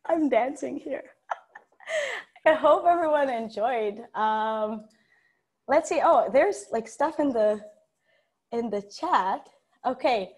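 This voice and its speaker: Her voice is high and very animated now, drawing words out and pausing often. This young conference speaker and software developer delivers a chatty, giggly, self-deprecating tech talk over video call from a bookshelf-filled room.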